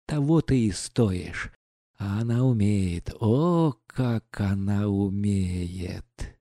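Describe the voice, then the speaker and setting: In a storybook reading, an imperious older noblewoman scolds and flares up at every turn, as a male reader puts her on. The voice stays dark and mellow, heard close and dry with no room around it. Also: fairly low pitch, expressive, no room sound, heavily acted. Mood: agitated scolding. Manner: scolding, quick to anger.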